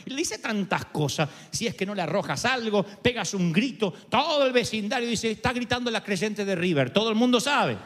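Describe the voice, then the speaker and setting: High, animated male pastor preaching. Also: unhurried. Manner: lively, rhetorical, asks the audience questions. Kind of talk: sermon. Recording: long hall reverb.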